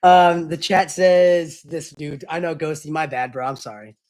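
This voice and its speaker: A man's voice: on the high side, measured pace, darkish tone. A young man streamer chatting casually with his live chat, loose and slangy, often apologizing.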